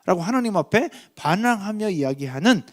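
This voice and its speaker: A man's voice: high-pitched, expressive, fairly quick. A man preaching a sermon as pastor, emphatic and full of rhetorical questions. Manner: emphatic, rising and falling delivery with rhetorical questions.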